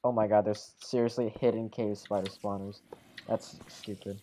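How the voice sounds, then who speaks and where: A lowish, mellow male voice with little pitch variation, plus a slight hiss or hum in the background. He's a player gaming alongside friends, rambling in casual chat, revising what he says, and exclaiming quickly.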